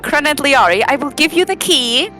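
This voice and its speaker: A woman doing a proper, formal young adventurer whose voice swings widely in pitch while staying measured and courteous. He picks his words with care, and faint music plays underneath. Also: lively intonation, bright, forceful tone, rough recording.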